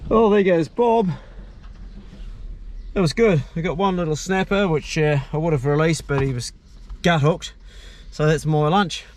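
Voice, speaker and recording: On a farm and aboard a small boat, a man with a broad New Zealand accent talks through his vlog in an easygoing, matey, slangy manner. His fairly high voice moves unhurriedly and he pauses often, over loud wind and boat sounds.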